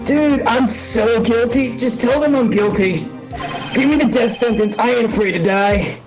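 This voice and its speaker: A man voicing a melodramatic, hapless young man in despair, with overwrought wailing over loud game music. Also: very high-pitched, normal speed, poor audio. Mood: pleading.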